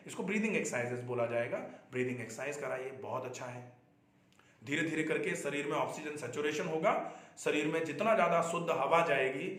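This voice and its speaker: A man's voice: mid-range voice, fairly bright tone. A middle-aged man, a doctor, giving health advice in an earnest explanatory talk, repeating points for emphasis. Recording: echoey room.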